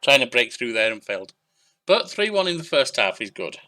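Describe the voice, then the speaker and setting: A man's voice: medium pitch, sing-song, brisk, sharp tone. A young adult man giving casual let's-play commentary, narrating match action in short bursts and thinking aloud. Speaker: gaming YouTuber.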